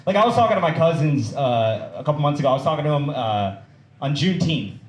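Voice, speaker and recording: A young man performing a stand-up comedy set, swearing and throwing quick asides to the crowd. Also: on the high side, sing-song. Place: comedy club stage with audience. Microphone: handheld stage mic. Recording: roomy club with crowd noise.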